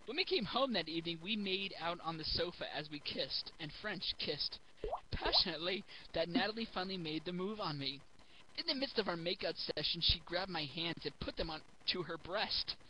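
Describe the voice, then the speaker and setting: A man's voice: sits high, animated, normal speed, noisy background. A giggly drunk man reading a story aloud for comedy, stumbling over the text and throwing in mocking asides.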